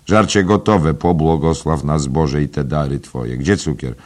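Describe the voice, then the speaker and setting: A man voicing a jovial, mocking young man who talks loudly and theatrically, in an audiobook. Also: extremely low pitch, a little slow. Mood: boisterous. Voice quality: exaggerated, playful. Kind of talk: audiobook character reading.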